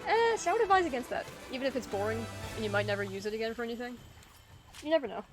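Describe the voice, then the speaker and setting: A woman's voice: a little high, big pitch swings, very fast. A woman hosting a gaming stream, chatting casually, laughing often and reading out chat. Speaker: streamer and host. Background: faint game music.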